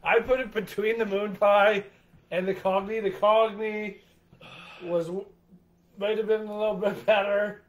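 A man co-hosting a casual snack taste-test chat, playful, with drawn-out exclamations. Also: high voice, little pitch movement. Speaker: co-host.

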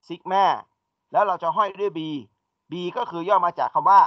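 A man's voice: high voice, normal speed, no room sound. A man teaching an engineering class, explaining step by step and asking his students questions. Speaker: engineering lecturer. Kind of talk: classroom lecture. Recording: dull dry lecture recording.

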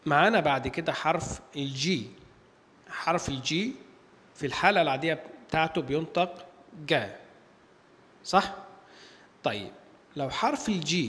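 A man's voice: on the high side, animated, fairly bright tone, long reverb tail. A man with an Egyptian Arabic accent teaching an English pronunciation lesson, stretching out each example word and then repeating the list. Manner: drawn-out, careful pronunciation of example words, repeated twice. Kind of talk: language lesson.

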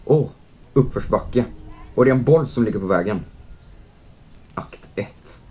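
A young man doing chatty let's-play commentary at home, reading out the game's prompts, joking with it and reacting loudly to scares. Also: medium pitch, expressive. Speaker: gaming youtuber. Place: at home, indoors.

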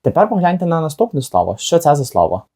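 Casting: male teacher, mellow voice, chatty and question-asking, slows down for examples. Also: a little high, big pitch swings. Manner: chatty, asks the viewer rhetorical questions, slows down for example words. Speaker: English teacher. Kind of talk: casual video lesson.

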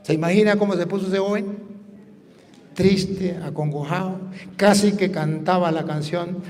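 High-voiced priest preaching. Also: male voice, steady tone, a little slow, a little mellow, in a large hall. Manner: storytelling, acting out voices, rising to fervent emphasis. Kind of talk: sermon with told story.

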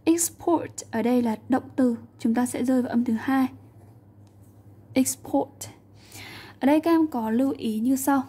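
High, husky woman teaching. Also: brisk, few pauses, warm tone. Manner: patient, repeats and translates each sentence. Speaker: English teacher. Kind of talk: explaining a textbook lesson.

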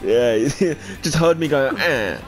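A man's voice: medium pitch, very animated, moderate pace, low-quality recording. A man chatting in a gaming voice call, slangy and giggly. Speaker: gamer in voice chat. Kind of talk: casual gaming banter. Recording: voice chat over loud music.

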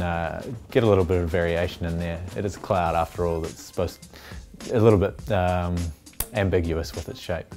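Deep-voiced and somewhat dark in tone, a young man who founded a design studio reflects aloud for a documentary interview. He frequently restarts and fills gaps with "uh." The setting is a large indoor design workshop, with sound from a lapel mic.

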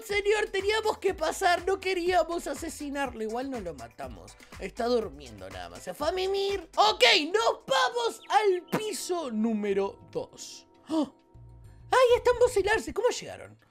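A woman with a Rioplatense Spanish accent hosting a Let's Play, with excitable, playful, exclamatory commentary. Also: very high-pitched, normal speed, soft background music. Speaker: gaming channel host.

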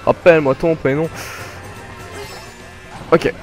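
A young man casually commenting his kart race, joking and rambling with sudden excited outbursts. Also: a little high, slow, faint music behind. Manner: jokey, rambling, self-mocking, bursts of excited yelling. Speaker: gaming commentator. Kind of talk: casual let's play commentary.

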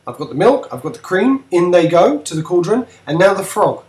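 A man's voice: high-pitched, fairly quick. A man doing chirpy rat-man cook Wormtail. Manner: chatty cooking-show patter, lively. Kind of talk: amateur brick-film voice acting. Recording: echoey room.

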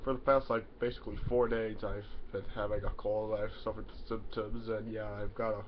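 A sniffly young YouTuber with a stuffy nose from a cold rambles through a casual to-camera explainer, full of "yeah" fillers and restarts. His voice is fairly low with little pitch movement, a bit fast. He's in a small bedroom, and the webcam in front of him gives dull, lo-fi audio with faint hiss.

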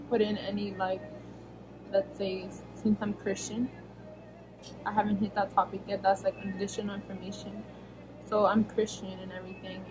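A woman's voice: medium pitch, rough recording. A young American woman answering viewer questions in a casual vlog, talking in a rambling way with many fillers and self-corrections, recorded on a camera close in front of her in a small bedroom. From United States. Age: young adult. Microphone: camera at arm's length, face framed close.

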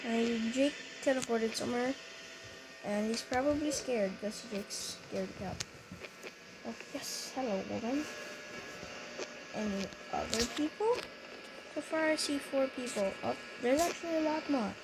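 A young female gamer chatting excitably and getting easily startled while playing a game with friends. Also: fairly high pitch, a little slow, long pauses. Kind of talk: casual gameplay commentary. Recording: noisy home recording.

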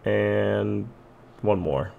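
A man's voice: lowish voice, fairly even intonation, very slow, creaky, phone-quality sound, slight background noise. A man hosting a let's play, casually commenting and reading the game's text aloud with a chuckle. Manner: reads on-screen text aloud, chuckles, hums along. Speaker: gaming channel host.

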